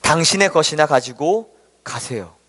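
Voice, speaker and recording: A man voicing a male vineyard owner who answers a complaint in a measured, formal, firm way. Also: a little high, animated, a bit bright. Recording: long hall reverb.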